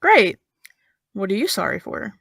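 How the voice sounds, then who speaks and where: In a full character voice that is creaky and a little slow, a woman portrays Eve, a sardonic young adult American, at medium pitch. The audio drama dialogue sounds sarcastic and cutting, with dry, teasing deadpan delivery.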